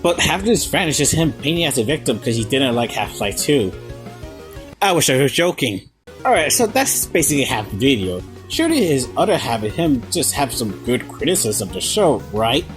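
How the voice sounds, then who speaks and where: A video essayist delivers informal review commentary in a sarcastic, casually sweary way, his mid-range voice very animated and brisk. Music plays underneath him throughout.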